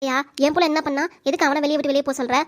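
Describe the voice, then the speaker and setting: Brief: cartoon mother-in-law, indignant and quick-tongued, put on by a woman. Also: sits high, fairly even intonation, natural voice. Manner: indignant, rapid arguing. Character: sharp-tongued older mother-in-law, defensive of her son.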